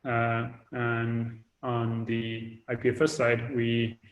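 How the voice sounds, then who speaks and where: A man explains technical work over a video call, stopping and restarting often and filling pauses as he talks. His voice stays flat, with little rise or fall in pitch. The call audio breaks up now and then. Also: highs cut off. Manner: hesitant, many fillers and restarts. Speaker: developer giving an update.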